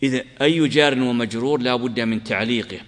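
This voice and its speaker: A man teaching a classical grammar lesson, asking his students questions, answering them himself, and slowly repeating his examples. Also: mid-range voice, in a large hall. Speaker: Islamic scholar teaching grammar.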